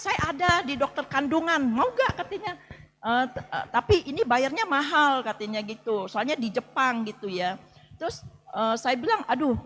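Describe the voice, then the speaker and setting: A woman, giving a personal testimony as animated storytelling, laughing often and acting out the words of friends. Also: a little high. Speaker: testimony speaker.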